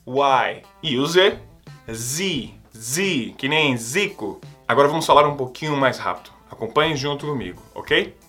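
A man's voice: medium pitch, expressive, unhurried, pushed and bright, soft background music. A Brazilian man teaching English pronunciation, patiently repeating each sound for the listener to copy. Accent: Brazilian Portuguese. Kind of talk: language lesson.

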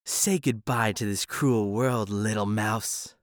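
A man's voice: fairly low pitch, slow, no room sound, clean studio sound, voice pushed down. A man voicing a hungry, scheming female cat who whines and snarls. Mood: menacing. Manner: whining and snarling.

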